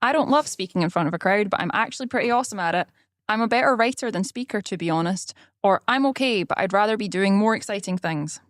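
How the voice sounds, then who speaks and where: A woman co-hosting a comedy morning show, reading out quiz questions with playful deadpan asides. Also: mid-range voice, fast, no room sound, clean studio sound.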